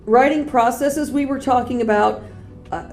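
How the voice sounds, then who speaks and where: A woman's voice: sits high, moderate pace, a little mellow, soft background music. Chatty, self-deprecating podcast woman. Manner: conversational, self-deprecating, leads the discussion. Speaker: podcast co-host. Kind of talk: casual chat.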